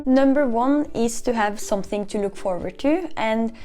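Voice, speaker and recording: A woman's voice: a little high, normal speed, over loud music. Chatty young woman from Norway. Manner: chatty, reflective, says "you know" often. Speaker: vlogger. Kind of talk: casual vlog talk.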